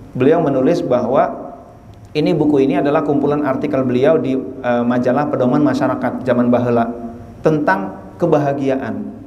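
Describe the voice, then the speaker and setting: A man's voice: on the high side, darkish tone, lo-fi sound. Man preaching in an echoey hall. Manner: chatty, joking, acts out little dialogues. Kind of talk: mosque study sermon.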